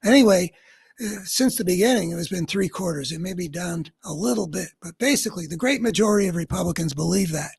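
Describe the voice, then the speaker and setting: Husky earnest man musing. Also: high-pitched, expressive, fast, a little mellow. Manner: earnest, searching, thinks aloud in long winding sentences. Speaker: radio show host. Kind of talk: political commentary monologue.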